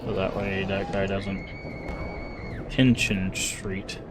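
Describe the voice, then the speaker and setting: Low-voiced man doing casual gameplay commentary. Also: flat delivery, extremely slow, background noise. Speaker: video game player commentator.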